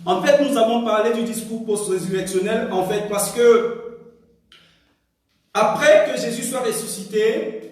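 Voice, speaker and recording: A man preaching and praying as an evangelist, in a measured, deliberate way. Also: sits high, darkish tone. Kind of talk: Easter sermon and prayer. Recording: very echoey room, distant mic.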